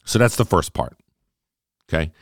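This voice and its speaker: A man's voice: low-pitched, big pitch swings, moderate pace, vocal fry, dry recording, clean studio sound. A man in his late forties hosting a solo podcast, talking earnestly and conversationally and often checking in with "right?". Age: 40s. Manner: earnest, conversational, repeats phrases and asks "right?". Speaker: podcast host.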